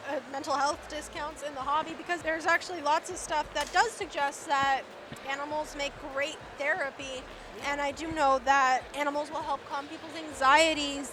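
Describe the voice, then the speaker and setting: The host of a reptile vlog, a Canadian woman with a high-pitched voice, is losing her voice as she cheerfully interviews vendors in an indoor reptile expo hall. It's a casual, enthusiastic vlog chat, and the background is noisy.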